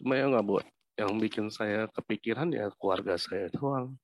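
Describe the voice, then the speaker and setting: A young man gives an earnest, halting testimony of his illness from a quarantine hotel room. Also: lowish voice, slight background noise. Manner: earnest, halting, emotional retelling. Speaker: covid patient giving testimony. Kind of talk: personal testimony interview.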